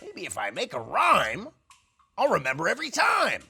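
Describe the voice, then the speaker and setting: Man voicing Clark the Shark, excitable, high-pitched kid. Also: normal speed, vocal fry, slightly rough, faint music behind, full character voice. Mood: excited. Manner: excitable, emphatic, exclaiming. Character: exuberant young boy shark, boisterous and eager. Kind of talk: children's picture-book character voice.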